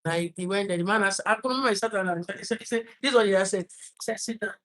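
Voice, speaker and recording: A man with a Nigerian accent tells a painful personal story in an earnest, halting way. He often repeats and restarts his words while trying to hold back tears. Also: high voice, fairly bright tone. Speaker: vlogger telling a personal story.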